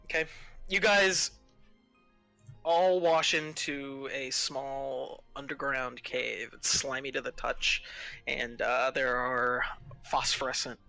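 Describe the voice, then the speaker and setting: A man's voice: medium pitch, steady tone, slow pace, vocal fry, bright, forceful tone, dry recording, faint music behind, rough recording. A man narrating a tabletop game as game master in a casual way, with many fillers and asides.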